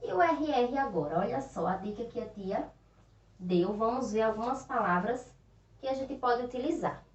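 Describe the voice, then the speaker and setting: Brazilian woman, primary teacher, Northeastern accent, slightly high voice, roomy distant lo-fi recording. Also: animated, darkish tone. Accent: Northeastern Brazilian Portuguese. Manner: slow, patient, stretches out words and sounds for children. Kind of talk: recorded remote lesson for young children. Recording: roomy, distant, dull lo-fi sound.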